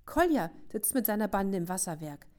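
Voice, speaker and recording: A woman's voice: medium pitch, big pitch swings, normal speed, dark tone, lightly acted. Woman doing an emphatic boy. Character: boy calling out grim news.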